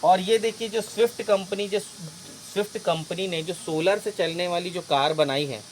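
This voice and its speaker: A man's voice: high voice, moderate pace, slight background noise, rough recording. A male teacher giving an exam-prep lesson, explaining memory tricks step by step and often repeating and checking with "okay".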